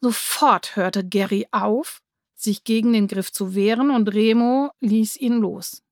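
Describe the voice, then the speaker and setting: A woman narrating a children's story in a calm, even storytelling manner. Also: mid-range voice, slow pace, dry recording, clean studio sound. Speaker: story reader.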